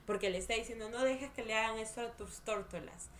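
A woman's voice: a little high, fairly quick, fairly bright tone, slight background noise. A woman co-hosting a casual chat with friends, reading scripture aloud and laughing often. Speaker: podcast co-host.

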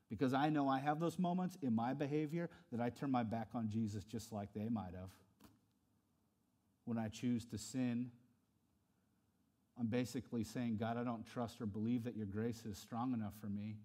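A man preaching a sermon in a lively, conversational way, swinging between hushed reflection and loud emphasis. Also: mid-range voice. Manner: animated, acts out quotes in character voices. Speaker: pastor.

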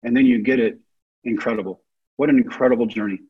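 A man's voice: medium pitch, steady tone, fast talker, slightly rough. A man giving a talk, telling a personal story in a vivid, self-deprecating way. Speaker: guest speaker. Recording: dull lo-fi recording.

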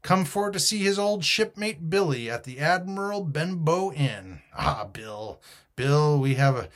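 A man's voice: fairly high pitch, expressive, unhurried, a bit bright, pitched above the performer's own voice. A man doing a wheedling, sneering old pirate. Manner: wheedling, mock-friendly.

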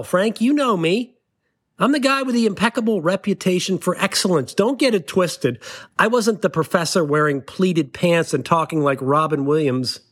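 A man's voice: on the high side, a bit bright. A middle-aged man hosting a comedy podcast, delivering a mock-serious, sarcastic satirical monologue aimed at a letter writer.

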